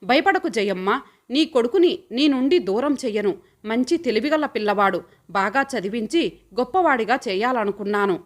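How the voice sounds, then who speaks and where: A gentle, generous childless woman from an audio storybook, read by a woman. She speaks softly and reassuringly, in a slightly high voice. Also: expressive, moderate pace, close to an everyday voice. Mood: gentle reassurance.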